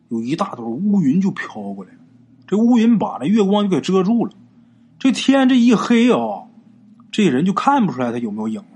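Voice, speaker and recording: Husky, lively male ghost-story teller. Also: a little high. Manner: chatty, colloquial, addresses listeners as "ghost friends". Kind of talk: casual spoken ghost story narration.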